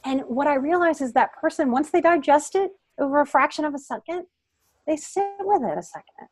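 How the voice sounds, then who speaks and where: A middle-aged woman guest on a podcast, talking as a therapist in an earnest, emphatic way. Her voice sits a little high and rises sharply when she stresses a point. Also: animated, a little fast, soft background music. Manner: earnest and emphatic, voice swelling on key words. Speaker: guest psychotherapist and life coach. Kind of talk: podcast interview.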